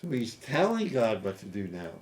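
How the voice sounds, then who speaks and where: A man's voice: fairly low pitch, wildly swooping pitch, normal speed, darkish tone. Playful musing man in his fifties. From United States. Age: 50s. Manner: playful, musing, laughs easily. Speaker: host. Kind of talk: casual chat about scripture. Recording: faint background noise.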